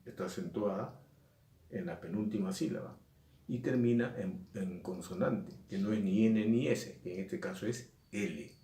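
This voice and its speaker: Slow, patient male teacher. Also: fairly low pitch, mellow. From Peru. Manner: slow, repetitive explaining, stressing key words. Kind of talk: recorded lesson. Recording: echoey room, mic at a distance.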